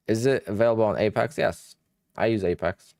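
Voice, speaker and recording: Gravelly and a little mellow, this young man's voice sits on the low side and carries a Polish-influenced accent. He chats offhandedly while trading on stream, thinking aloud and taking viewer questions, in a dry studio-quality recording.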